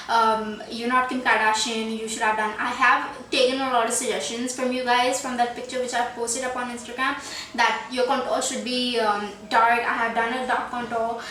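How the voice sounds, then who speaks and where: Sharp in tone and high in pitch, a young Indian woman with a Trinidad-tinged Indian English accent walks viewers through her makeup in a small bedroom. As a beauty vlogger she sounds pleading and fills her talk with fillers, captured on a distant mic in a roomy, noisy space.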